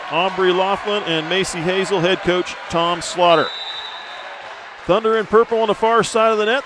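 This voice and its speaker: A man's voice: sits high, background noise. A man giving live volleyball commentary as a play-by-play announcer. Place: indoor sports arena, courtside. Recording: loud gym crowd and music behind. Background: crowd, music, bouncing balls.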